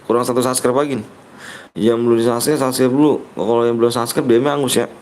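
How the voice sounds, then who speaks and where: A man's voice: mid-range voice, steady tone, fast, darkish tone, a little hiss or hum. Joking slang man streaming a game. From Indonesia. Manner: slangy, joking, reads viewers' chat aloud. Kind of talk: casual live-stream chat.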